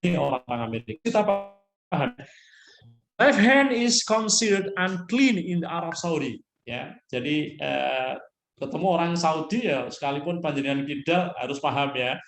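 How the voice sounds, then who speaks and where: A man's voice: a little high, expressive, moderate pace, vocal fry. Male lecturer, explanatory classroom delivery with "ya" tags; recorded in a reverberant room. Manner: frequent "ya" tag questions, mixes English terms. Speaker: nursing lecturer. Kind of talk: university lecture. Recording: roomy echo.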